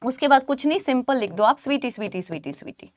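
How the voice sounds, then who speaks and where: A woman teaching a biology class, repeating key terms slowly and making up a memory trick for her students. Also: high-pitched, expressive, no room sound, clean studio sound.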